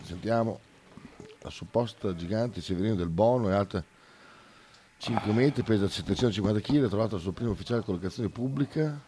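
A man hosting a casual radio show, playing clips and commenting on them in relaxed banter. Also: lowish voice, brisk, a little hiss or hum.

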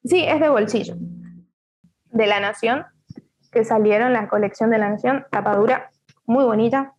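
Give me a rich take: a woman with a Rioplatense Argentine accent, hosting a book club over a video call. Her voice sits a little high, and she talks in a chatty, playful way, looping back with restarts and side remarks. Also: moderate pace, a little mellow, dull audio. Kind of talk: casual online book club chat.

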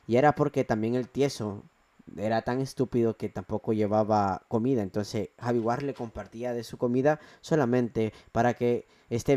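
A man's voice: mid-range voice, mellow, dry recording. A man narrating an amateur story series in a plain, conversational way.

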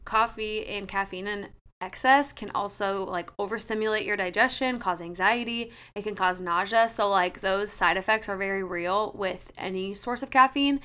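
A woman's voice: medium pitch, moderate pace, hardly any pauses, sharp tone, clear, resonant tone. A woman in her late twenties co-hosting a casual podcast as a trainer, chatty and full of "like". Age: 20s. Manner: chatty, fills talk with "like". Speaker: podcast co-host and personal trainer.

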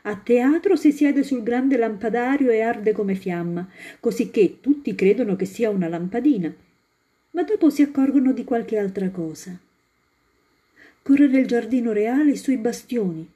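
A woman reading a storybook aloud in a calm, expressive narrating voice. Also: fairly high pitch, moderate pace.

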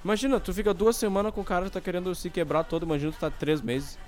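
Quick blunt man. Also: sits high, steady tone, darkish tone, faint music behind. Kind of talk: casual chat.

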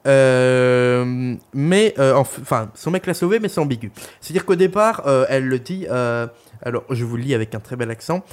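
A man's voice: medium pitch, lively intonation, normal speed, clear, resonant tone. A young man co-hosting a podcast, chatting casually and crudely about an album, rambling with lots of fillers. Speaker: podcast co-host reviewing an album. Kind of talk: casual chat.

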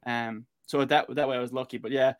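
A man's voice: medium pitch, steady tone, brisk. A man from Galway with a west of Ireland accent, talking informally and rambling a little as a guest on a casual podcast. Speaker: interview guest, American football player.

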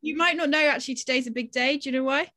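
A woman's voice: sits high, steady tone, rapid-fire, bright, forceful tone, dry recording. An enthusiastic young woman in her twenties who rambles happily through casual podcast chat, restarting her sentences and filling them with "like." The recording is close and dry. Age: 20s. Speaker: podcast co-host.

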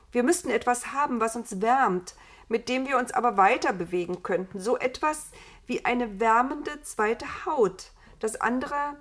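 A woman's voice: a little high, voice pushed up. A woman voicing Eva, a curious, inventive young woman, in a storybook reading, eager and thoughtful.

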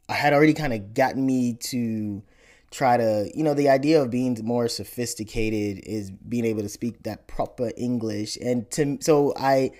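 A Nigerian man in his thirties, who hosts a podcast, casually recounts his family background in an interview setting. He has a medium-pitched voice and frequently repeats words as he works out what to say.

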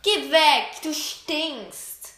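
A woman's voice: sits high, animated, drawn-out words, a bit bright, full character voice. A girl voicing a snooty mean schoolgirl with a drawling, snippy manner. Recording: roomy echo.

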